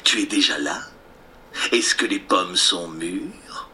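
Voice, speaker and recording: A man voicing a sly, scheming big bad wolf in a storybook reading, speaking lower and drawing out his words. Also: takes it slowly, sharp tone, a little hiss or hum, exaggerated voice. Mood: sly coaxing.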